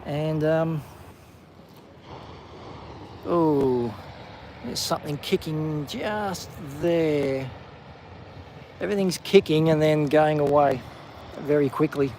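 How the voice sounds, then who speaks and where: A man casually hosting a live walking stream on a coastal clifftop, chatty with plenty of ums and excited whenever he spots something. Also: a little high, slow pace, long pauses, a little hiss or hum, rough recording. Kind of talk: live walking vlog commentary. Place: outdoors on a coastal clifftop walk.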